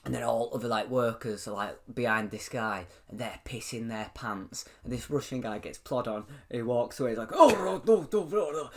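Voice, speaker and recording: A young man tells stories on a casual chat show. He is lively and animated, breaks into laughter often and swears without a second thought. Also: mid-range voice, moderate pace, hardly any pauses. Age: 20s. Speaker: podcast co-host.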